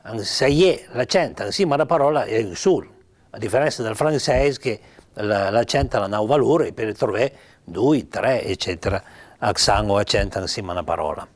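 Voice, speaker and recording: Piedmontese man, lively explaining tone. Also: lowish voice. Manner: patient, repeats sample words slowly, frequent fillers. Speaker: writer explaining spelling. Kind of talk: informal spoken lesson.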